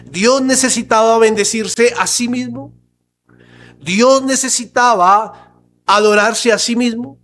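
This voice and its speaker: A pastor preaching a sermon to his church, slow and emphatic, asking rhetorical questions. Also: extremely high pitch, a bit bright, rough recording.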